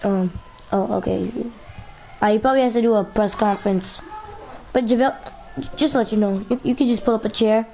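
A woman's voice: mid-range voice, brisk, long pauses, dark tone, dull audio, a little hiss or hum. A young woman talking casually over her basketball video game, chatting in a playful way and often repeating herself. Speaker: gaming YouTuber. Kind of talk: casual gameplay commentary.

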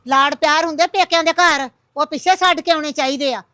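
A woman's voice: high voice, fairly quick, dry recording, studio quality. A woman playing a harsh mother-in-law who nags and taunts. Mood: scolding. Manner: sharp, nagging, taunting.

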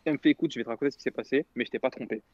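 A man's voice: medium pitch, very fast, darkish tone, no echo, highs cut off. A young man telling a long story in casual slangy chat on a radio show, quoting others as he goes. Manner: rambling, slangy, quotes others.

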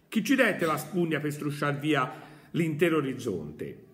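A man's voice: fairly high pitch, huge pitch swings, measured pace, fairly bright tone, heavily acted. A man putting on a frantic madman. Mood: anguished. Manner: urgent, exclaiming, rhetorical questions. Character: frantic adult male madman crying out. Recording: echoey room.

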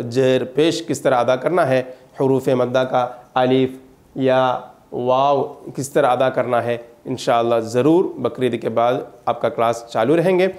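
Slow, patient male Quran teacher. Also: mid-range voice, darkish tone. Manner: patient, repeats each letter sound several times. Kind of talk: slow beginner lesson with demonstrated sounds.

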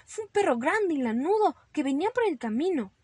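A woman's voice: sing-song, a little fast, a little mellow, dry recording. A woman voicing a little boy rabbit who fibs, stammering and pleading in a storybook read-aloud. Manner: stammering, pleading and high-pitched. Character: fibbing little boy bunny, guilty and nervous.

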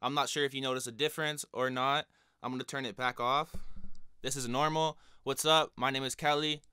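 Speaking a little fast, a young music producer with a cold chats casually to his viewers in a small home studio while reviewing a microphone. His higher-pitched voice comes through clear and resonant on a dry recording, captured by a studio condenser mic on a stand before him. It's a relaxed product review vlog where he talks straight to the audience.

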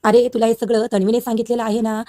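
A woman's voice: a little high, level tone, fast talker, dark tone, dry recording, clean studio sound, natural voice. A woman voicing a stern, angry middle-aged father who scolds his family, in a soap-story recap. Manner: scolding, insistent.

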